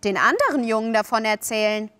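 Woman reading as a cocky boy who never grows up, sly and coaxing, raised bright voice. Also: a little high, lively intonation, fairly quick, smooth, no echo. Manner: boastful, coaxing, offhand.

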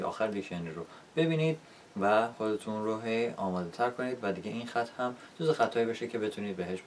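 Patient man teaching, low voice, distant mic. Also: slight background noise. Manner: patient, encouraging, checks in with "okay?". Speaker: English pronunciation teacher. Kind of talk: video lesson.

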